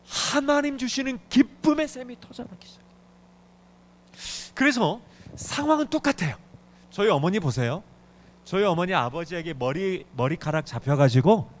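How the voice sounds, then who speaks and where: A middle-aged male pastor preaching a sermon in a church, emphatic and urgent, pushing key words hard. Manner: emphatic, swings pitch up and down for emphasis. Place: church sanctuary.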